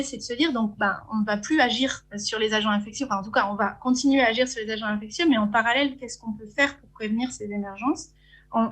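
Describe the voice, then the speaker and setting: Woman, French accent, conference presentation, slightly high voice, halting with fillers. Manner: hesitant, frequent fillers and restarts. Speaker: conference speaker. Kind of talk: academic conference talk with slides.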